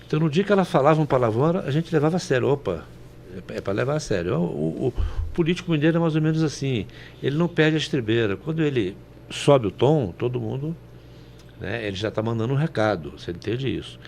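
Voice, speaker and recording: A man's voice: medium pitch, expressive, fast talker, gravelly, darkish tone, slight background noise. A man from Brazil commenting on politics on a panel show, folksy and anecdotal, often ending with "né?".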